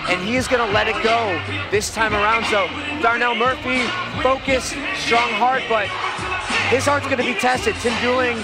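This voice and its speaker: A man's voice: extremely high pitch, steady tone, normal speed. A man giving informal, emphatic live color commentary at a cage fight, often repeating himself for stress. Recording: loud crowd and music behind. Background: loud crowd and music.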